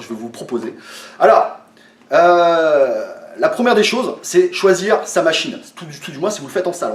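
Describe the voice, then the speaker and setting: A man explaining a training method to his viewers in a casual way, with lots of fillers and restarts, a little tired. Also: on the high side. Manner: hesitant, many fillers and restarts, addresses viewers as friends. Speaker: fitness coach. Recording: echoey room, from a distance.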